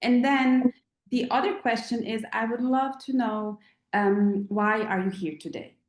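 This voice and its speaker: A woman's voice: on the high side, a little slow. Serbian-born woman on a roomy call. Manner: warm, rambling, many fillers and restarts. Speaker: feng shui teacher hosting a live Q&A. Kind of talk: live online call, casual talk.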